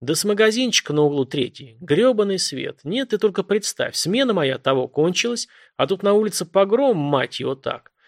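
A man playing a gruff shop worker, crude, swearing, blunt, raised pitch. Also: big pitch swings, normal speed, hardly any pauses, no room sound, studio quality, exaggerated voice. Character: gruff foul-mouthed shop worker, brash.

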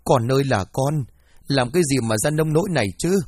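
A fierce older lady of the house, voiced by a male narrator, scolding hotly. Husky voice, dry close recording. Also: mid-range voice, animated, a little fast, darkish tone, no room sound, lightly acted. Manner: scolding, wailing. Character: older mistress of the house, hot-tempered.

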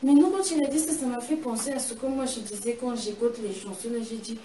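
A woman sharing a personal testimony in conversation, telling it in an animated way with frequent restarts and acted-out reactions. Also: fairly high pitch, quick pace. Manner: animated, repeats and restarts phrases, acts out her reactions. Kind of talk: conversational storytelling. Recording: roomy, distant mic, steady background noise.

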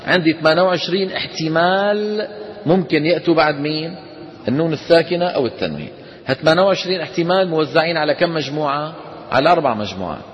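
A man teaching a tajweed class, questioning his students and chanting verse lines slowly. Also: on the high side. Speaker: Quran recitation teacher. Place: lecture hall with students. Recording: dull lo-fi lecture recording in a reverberant hall with faint noise.

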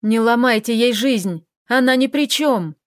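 A woman's voice: a little high, unhurried, dry recording, clean studio sound, natural voice. A woman voicing a frightened young man who pleads anxiously. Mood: anxious desperate.

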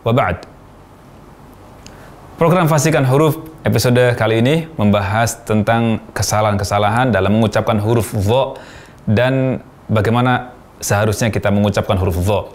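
Radio tutor, male, patient and deliberate, repeats sounds for the listener. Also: mid-range voice, darkish tone. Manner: slow, careful demonstration of sounds. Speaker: Quran pronunciation teacher. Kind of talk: radio pronunciation lesson.

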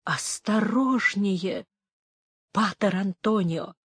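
A woman voicing an anxious, secretive old male duke who speaks low and cautiously, in a storybook reading. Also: expressive, unhurried, darkish tone, slightly rough, dry recording. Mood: hushed.

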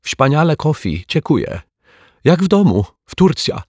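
A man's voice: fairly high pitch, very animated, unhurried, darkish tone, no room sound, studio quality, pitched above the performer's own voice. A man voicing a large disguised stranger posing as a Turk, who speaks broken Polish with mispronounced words. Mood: pleased.

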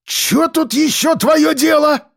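A man narrating puts on a foul-mouthed mayor in a storybook reading, a cursing bully of a boss. The voice sits high and strained with a gravelly rasp, lurching up and down in pitch. The sound is close and dry. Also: takes it slowly, no room sound, heavily acted. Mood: raging. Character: furious foul-mouthed middle-aged male mayor.

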